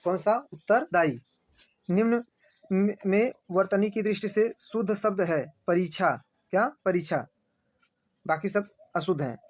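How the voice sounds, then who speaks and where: A male teacher running an exam-prep lesson, repeating each answer and asking quick rhetorical checks. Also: high-pitched. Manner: points at screen, says "dekhiye".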